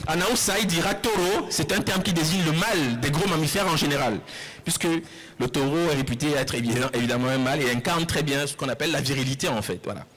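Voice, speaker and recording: High-voiced man giving a lecture. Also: a bit bright, low-quality recording. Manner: explanatory, repeats words slowly, asks the audience questions. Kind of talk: public lecture. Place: lecture hall.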